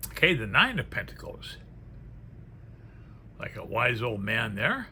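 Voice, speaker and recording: Reviewing a tarot deck, this man talks off the cuff, thinking out loud and drifting into quiet mutterings. His mid-range voice swoops wildly in pitch, his pace is a little slow, and his tone is sharp. There's faint noise in the background.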